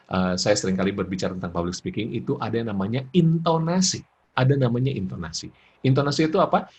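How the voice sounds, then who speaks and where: Male parenting speaker, lively and expressive, slightly husky voice, dull-sounding recording. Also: medium pitch. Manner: expressive, laughs often, acts out examples.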